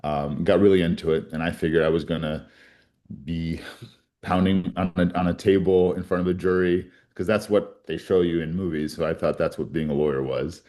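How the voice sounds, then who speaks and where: At a moderate pace and level tone, his low, mellow voice recounts his life for an interview. He's a criminal defense attorney in his forties, raised in Colombia, earnest and reflective, often restarting.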